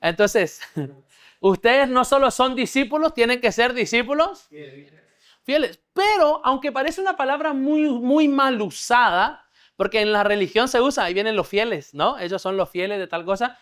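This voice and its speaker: With an extremely high pitch, a slightly bright tone and lively intonation, a pastor preaches on discipleship at a normal pace. He checks often that his live church audience is keeping up and draws them into call-and-response.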